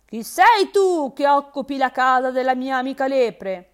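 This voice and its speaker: A vain rhinoceros from a fairy tale, blustering loudly, as a woman storyteller puts him on. Her voice stays bright and animated. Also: mid-range voice, moderate pace, natural voice.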